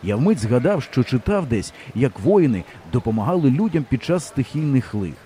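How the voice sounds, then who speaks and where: A man narrating an audiobook in an expressive storytelling manner. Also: medium pitch, moderate pace, a little hiss or hum. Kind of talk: scripted narration.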